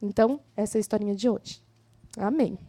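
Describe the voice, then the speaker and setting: A woman's voice: medium pitch, a little fast, no echo. A woman telling a children's story at a church service, acting out the voices of the characters. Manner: animated, acts out the characters' voices. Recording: live church service, dry sound.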